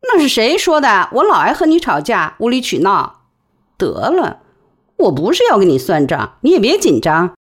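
A woman voicing a teasing, jealous young wife who needles her husband, rising high in pitch. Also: wildly swooping pitch, normal speed, breathy edge, exaggerated voice.

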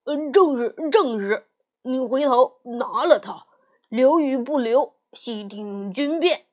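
A woman's voice: high-pitched, lively intonation, slow, darkish tone, full character voice. A woman storyteller voicing a cowardly, greedy male pig monk who hems, fawns and pleads. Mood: pleading. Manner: hemming, fawning, pleading. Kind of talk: storybook character voice.

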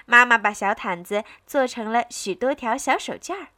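A woman narrating a bedtime story for children in a gentle, sing-song manner, talking directly to her young listeners. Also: fairly high pitch, moderate pace.

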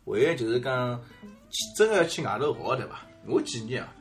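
A man's voice: mid-range voice, expressive, brisk, soft background music. A man with a Shanghainese accent co-hosting a podcast, bantering and giving his opinions. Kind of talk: casual chat.

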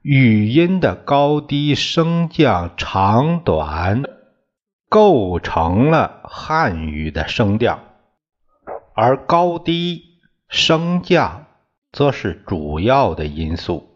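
A man teaching a class in a slow, deliberate way, often restating his terms. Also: medium pitch, sing-song. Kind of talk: lecture on classical poetry tones. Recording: dull lo-fi recording.

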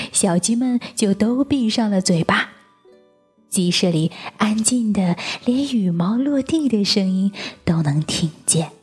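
A woman reads a children's picture book aloud, slow and soft with a breathy tone. Her voice sits mid-range. Quiet music runs underneath. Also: mid-range voice. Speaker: storyteller.

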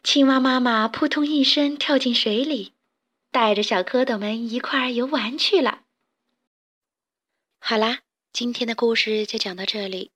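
Gentle woman reading a children's story. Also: a little high. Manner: slow, clear, gentle reading.

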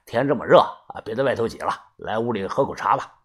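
A man playing a smiling middle-aged racketeer, low soft voice, oily politeness, audiobook figure. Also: animated, fast talker, breathy edge. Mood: smooth. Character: middle-aged local gang boss, smooth and smiling.

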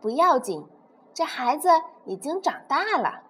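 A woman doing a gentle pterosaur mother. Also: high voice, very animated, measured pace, exaggerated voice. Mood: reassuring.

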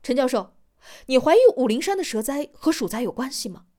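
A woman voicing a young man with a biology background who asks questions and thinks out loud in an audiobook. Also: sits high, big pitch swings, fast talker, voice pushed up. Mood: puzzled. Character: young man, biology-trained, quick to grasp.

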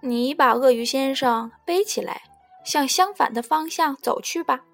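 A woman voicing a wise old male heron in a storybook, calmly questioning like a judge. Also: high-pitched, a little slow, vocal fry, faint music behind. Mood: earnest. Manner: calm, earnest questioning. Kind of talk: storybook character voice.

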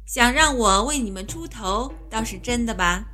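A woman's voice: on the high side, lively intonation, moderate pace, bright, forceful tone. A woman doing a shrewd, coaxing palace consort. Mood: knowing. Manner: knowing, coaxing. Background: background music.

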